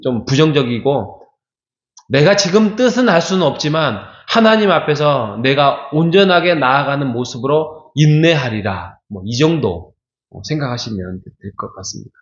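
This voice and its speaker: A man's voice: mid-range voice, expressive, normal speed. A man pastor giving a conversational Bible sermon, now and then acting out the voices of people he quotes. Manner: conversational, acts out quoted complaints. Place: church sanctuary. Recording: roomy, slightly dull church recording.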